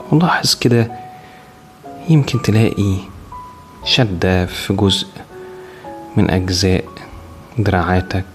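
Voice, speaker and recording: A man with an Egyptian accent guiding a meditation in a soothing, calm, unhurried manner, leaving long pauses between short instructions. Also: lowish voice. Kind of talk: guided body scan meditation. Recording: music behind the voice. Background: clear background music.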